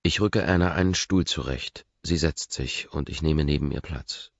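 A man reading a first-person audiobook narration in a measured, restrained way, on a dry, dull lo-fi recording. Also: rumbling low, creaky, no room sound.

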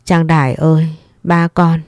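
A woman's voice: sits low, little pitch movement, a little slow, a little mellow, dry recording. A woman voicing a grieving middle-aged aunt in a spoken story, talking in a plaintive, lamenting way.

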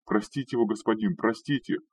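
A man's voice: fairly low pitch, steady tone, fairly quick, husky, voice pushed up. A man voicing a humble pleading retainer. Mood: desperate pleading. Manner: pleading, hesitant. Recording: distant, dull lo-fi recording.

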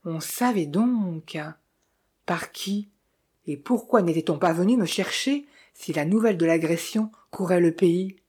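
A woman narrating a detective novel in a measured storytelling manner. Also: lowish voice, mellow, breathy edge. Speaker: audiobook narrator.

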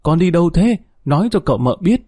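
A man's voice: on the high side, very animated, quick pace, dark tone, slightly rough, pitched above the performer's own voice. Sobbing worried father, a man doing him. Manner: sobbing, pleading.

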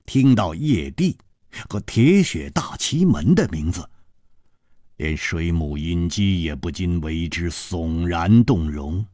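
A man narrating a martial-arts novel in a measured, expressive storytelling manner. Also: deep voice, no echo, clean studio sound. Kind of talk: audiobook storytelling.

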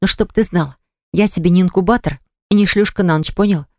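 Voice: mid-range voice, fairly quick, no room sound, clean studio sound, lightly acted. A reader voicing a hurt, indignant young pregnant woman who reproaches her fiancé in an audiobook. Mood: mocking.

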